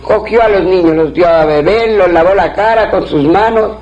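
A man's voice: sits high, normal speed, darkish tone. A man telling a traditional folktale aloud in a repetitive, rhythmic way, on a dull lo-fi recording. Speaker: storyteller.

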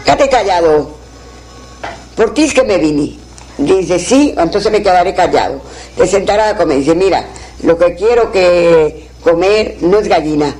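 A woman's voice: fairly low pitch, lively intonation, a little slow, a little mellow, a little hiss or hum, poor audio. A woman telling an old folktale aloud, repeating phrases in a rhythmic, spoken way. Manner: repetitive, rhythmic retelling with quoted dialogue. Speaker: storyteller.

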